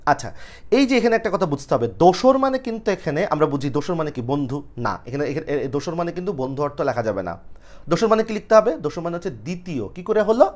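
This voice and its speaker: A young male teacher walks students through an old poem, asking questions and answering them himself. His voice sits a bit high and swings widely in pitch. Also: very animated, quick pace, a little mellow. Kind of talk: explaining a poem line by line to students.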